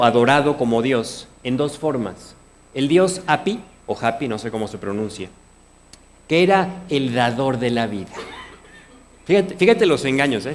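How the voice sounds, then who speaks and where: A man with a Mexican Spanish accent preaching a sermon, earnest, often asking his congregation questions. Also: mid-range voice. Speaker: pastor.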